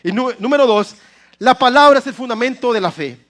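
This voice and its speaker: A male pastor preaching a sermon in a humorous, lively way, mixing in English phrases, in a church. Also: very high voice, a little fast.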